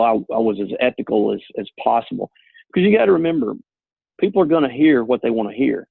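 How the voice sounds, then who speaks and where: Husky gravelly man on a tinny phone line. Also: medium pitch, no echo. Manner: earnest, plain-spoken explaining. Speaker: insurance agent. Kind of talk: casual explanatory talk on a call.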